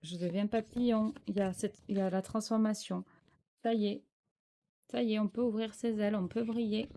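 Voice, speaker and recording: A woman's voice: mid-range voice, steady tone, brisk, warm tone. A French-speaking woman giving a spiritual tarot reading, hesitant and searching for words with many fillers. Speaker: tarot card reader.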